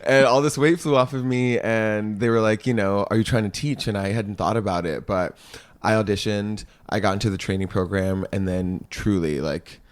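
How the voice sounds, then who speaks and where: A man's voice: on the low side, fairly even intonation, normal speed. A man in his thirties from Brooklyn, a fitness instructor talking candidly on a podcast, laughing often and saying "like" a lot. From Brooklyn, Park Slope. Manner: candid, laughs often, many filler likes. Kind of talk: casual podcast chat.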